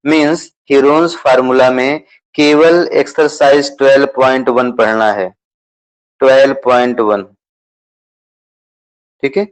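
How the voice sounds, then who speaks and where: A man's voice: medium pitch, poor audio. A man teaching mathematics, going over a syllabus, who repeats key points and keeps asking students whether they understood. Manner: repetitive, checks understanding with questions; mixes English terms into Hindi explanation. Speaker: math teacher.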